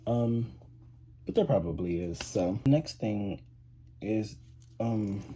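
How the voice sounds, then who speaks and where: A man's voice: on the low side, takes it slowly, mellow, slight background noise. An eighteen-year-old man chatting casually to camera as a vlogger, rambling with lots of fillers and restarts. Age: 18, teenager. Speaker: vlogger, high school student.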